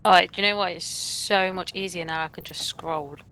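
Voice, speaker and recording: Blunt, sweary woman, lowish voice. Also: fairly even intonation, brisk, sharp tone, a little hiss or hum. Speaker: co-host, player. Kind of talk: casual co-op gameplay chat.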